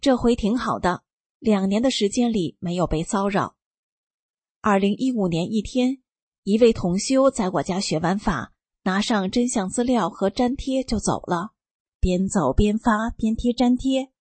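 A woman reading a first-person testimony aloud, telling it in a calm and steady way. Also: mid-range voice, a little slow, breathy edge, no room sound. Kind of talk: scripted narration.

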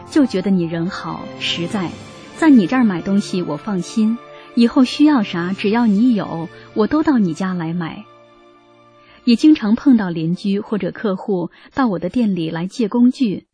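A woman radio host reading a first-person story aloud in an earnest, even scripted narration. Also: mid-range voice.

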